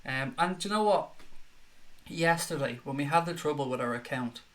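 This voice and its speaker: A man's voice: on the high side, animated, moderate pace, a bit bright. A man with a Dublin Irish accent hosts a casual live stream with a slight head cold, reading viewer messages aloud and answering them in a matey way. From Dublin, Ireland.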